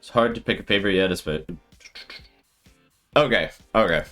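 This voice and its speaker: A man streaming live and thinking out loud with casual commentary, laughing often. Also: on the low side, moderate pace, faint music behind. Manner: thinking aloud, frequent laughter.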